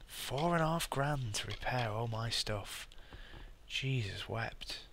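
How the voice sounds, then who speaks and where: A man's voice: medium pitch, animated, slow, heavy background noise. A British man giving casual gameplay commentary with dry, muttered asides. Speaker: gamer, let's play host. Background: game music.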